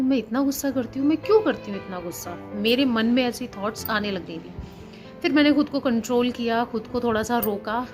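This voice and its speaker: A woman in her thirties, a housewife and teacher, talking earnestly in a casual parenting vlog, often repeating herself and slipping English words into her talk. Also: sits high. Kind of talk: casual chat about parenting.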